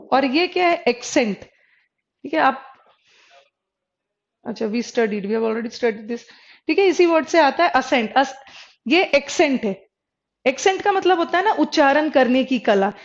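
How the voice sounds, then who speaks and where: A woman teaching English vocabulary in a live online class, explaining in mixed Hindi and English, repeating words and checking with her students. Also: high-pitched. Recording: dull lo-fi sound.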